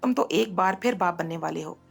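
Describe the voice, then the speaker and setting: Brief: old grandma, fond and protective, higher voice, gravelly, read by a woman. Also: fairly quick, soft background music. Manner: doting and soothing.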